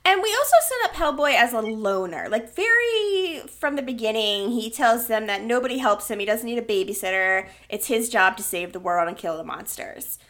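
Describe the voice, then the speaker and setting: A woman co-hosting a podcast, summarizing a movie in a relaxed conversational way. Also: fairly high pitch, moderate pace, hardly any pauses. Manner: conversational, walks through the plot in summaries. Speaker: podcast co-host. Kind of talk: casual movie review chat.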